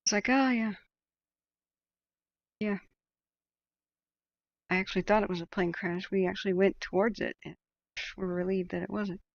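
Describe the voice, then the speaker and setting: An American woman hosting casual live commentary, thinking aloud in a loose, unhurried way and reading out comments. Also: medium pitch, flat delivery, vocal fry, no echo. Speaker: livestream host tracking wildfires. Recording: dull, muffled close microphone.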